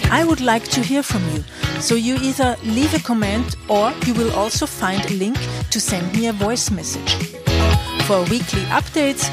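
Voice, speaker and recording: A woman hosting a podcast, speaking clearly and welcoming listeners before interviewing a guest. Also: mid-range voice. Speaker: podcast host. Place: Vienna.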